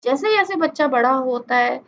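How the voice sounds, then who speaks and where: A woman teaching a lesson like a classroom lecture, explaining step by step with frequent tag questions and reading definitions slowly. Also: sits high, lively intonation, a bit bright, highs cut off. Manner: reads definitions slowly and deliberately. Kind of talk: classroom-style lecture mixing Hindi and English.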